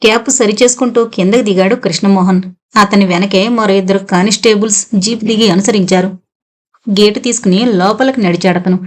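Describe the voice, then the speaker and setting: A woman narrating a suspense novel as an audiobook, in a steady, even storytelling manner. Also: mid-range voice, a little fast.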